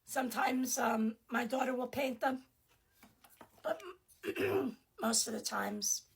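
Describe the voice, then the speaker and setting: A middle-aged woman who runs a small shop chats casually while showing off products, speaking slowly in a fairly high-pitched voice that is going hoarse. She laughs and uses fillers often.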